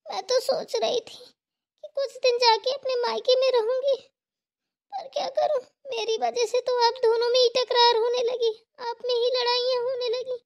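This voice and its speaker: A woman's voice: extremely high pitch, creaky, heavily acted. A woman voicing an emotional young married woman, a tearful and self-pitying sister, in a cartoon. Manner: pleading, lamenting. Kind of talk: cartoon voice acting.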